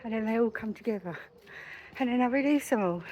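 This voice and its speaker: A woman's voice: fairly high pitch, fairly quick, darkish tone. A middle-aged woman, chatting on a street as she retells conversations with her neighbours. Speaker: self-help author. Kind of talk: casual walking vlog. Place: outdoors on a street.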